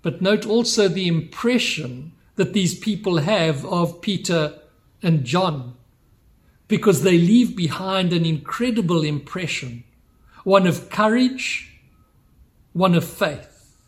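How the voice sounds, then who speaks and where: Slow, high-voiced preacher man. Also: expressive. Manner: slow, measured delivery with repeated rhetorical questions. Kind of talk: sermon.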